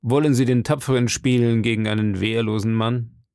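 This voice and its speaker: A man's voice: mid-range voice, fairly even intonation, normal speed, darkish tone, smooth, dry recording, clean studio sound, close to an everyday voice. Man reading as a haughty English nobleman.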